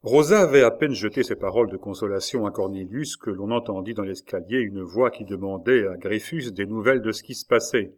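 A man narrating an audiobook of a classic novel in a measured, expressive way. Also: fairly low pitch.

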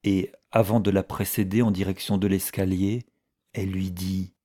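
Male narrator, low pitch, dark mellow tone, measured pace, audiobook reading. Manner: measured, even storytelling.

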